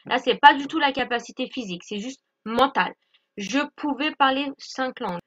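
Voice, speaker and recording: Bright high-voiced teacher. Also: female voice, normal speed, muffled recording. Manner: patient, repeats "d'accord?" often. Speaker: English teacher. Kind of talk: explaining lesson over slides.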